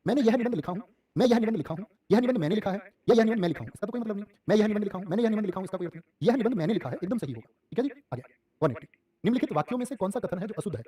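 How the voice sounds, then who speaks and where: A male coaching teacher runs a live online class at a rapid clip, firing one question after another at his students. His voice is high and mellow. He sounds set back from the mic. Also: lively intonation, far from the mic. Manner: rapid, repetitive questioning, calls students "dear children".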